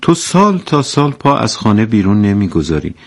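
A man's voice: on the low side, sing-song. A man voicing a cheerful, earnest clerk husband in a radio story reading. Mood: eager.

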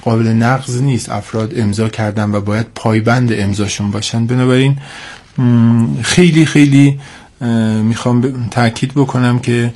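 A man's voice: medium pitch, fairly even intonation, darkish tone. A man with a cold and a congested, stuffy nose, speaking formally and hesitantly as an expert guest in a radio interview, repeating points for emphasis. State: has a cold.

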